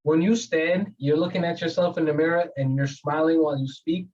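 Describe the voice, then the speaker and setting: A man from New York co-hosting a casual real estate training chat, talkative and quick to laugh. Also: a little high, recorded from a distance, highs cut off. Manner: laughs often, animated and talkative. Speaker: real estate agent co-host.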